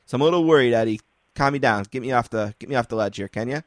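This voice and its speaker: A man with a medium-pitched voice hosts a podcast, joking about himself and chatting casually with quick asides, recorded in studio quality without any room sound.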